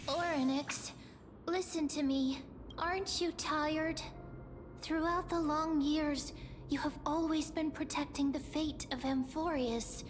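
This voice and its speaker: A woman voicing a gentle young heroine in a video game, speaking tenderly and earnestly to reassure someone. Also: high-pitched, fairly even intonation, takes it slowly, noisy background. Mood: tender, reassuring.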